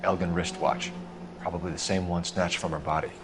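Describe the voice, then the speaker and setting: A stiff, earnest 1940s detective. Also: male voice, deep voice, flat delivery, brisk, noisy background. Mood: formal. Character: earnest, upright 1940s police detective man. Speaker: police detective. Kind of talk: video game dialogue.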